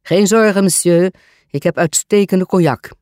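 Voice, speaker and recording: A storyteller voicing a genial upper-class gentleman hosting guests in an audiobook mystery. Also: mid-range voice, animated, normal speed, no room sound, studio quality, pitched above the performer's own voice, lightly acted. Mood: hearty. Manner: hearty, genial.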